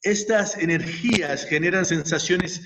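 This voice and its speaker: A man's voice: sits high, unhurried. A man speaking as a guest, explaining his ideas step by step and building them up in repeated lists. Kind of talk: reflective explanatory talk. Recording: distant, muffled mic with faint noise.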